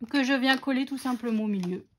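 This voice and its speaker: A woman with a high, quick voice narrates a scrapbooking tutorial. She keeps it casual and chatty, pokes fun at herself, and fills her speech with lots of fillers.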